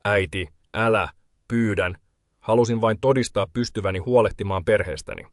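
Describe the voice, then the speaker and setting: A man voicing a desperate adult son who shouts and pleads at his mother. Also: on the low side, no room sound, clean studio sound, natural voice. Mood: pleading. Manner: pleading, loud.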